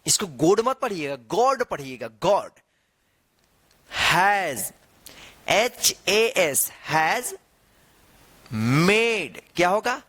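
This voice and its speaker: A man's voice: high voice, a bit bright, dry recording. A man teaching an online English reading lesson, spelling words letter by letter and asking and answering his own questions.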